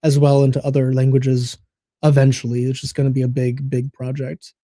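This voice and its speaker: A man's voice: mid-range voice, monotone, fairly quick, dark tone, no room sound, clean studio sound. A man co-hosting a casual livestream, answering chat comments with frequent laughs and fillers. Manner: laughs often, talks through fillers.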